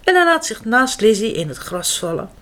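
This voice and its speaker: A woman's voice: fairly high pitch, sing-song, normal speed, a bit bright. A woman reading picture books aloud to children in a sing-song storyteller's way.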